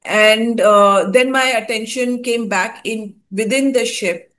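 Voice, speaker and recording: Speaking slowly in a slightly high, fairly bright voice, a host from India describes a spiritual experience she had while meditating. The account is casual and halting, full of fillers and false starts.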